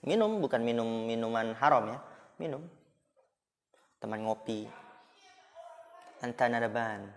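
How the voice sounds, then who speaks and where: Speaking a little slowly and pausing often, the teacher sounds animated in a mid-range voice. He covers Arabic grammar for his students at an Islamic boarding school, keeping things informal with jokes and rhetorical questions. Long hall reverb and a faint hiss or hum mark the recording.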